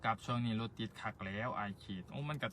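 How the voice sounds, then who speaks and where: A man's voice: fairly low pitch, quick pace, a bit bright, a little hiss or hum. A young man from central Thailand with an Isan accent, chatting playfully and politely as host of his own livestream. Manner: playful, jokey, polite ending particles. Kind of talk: casual livestream chat.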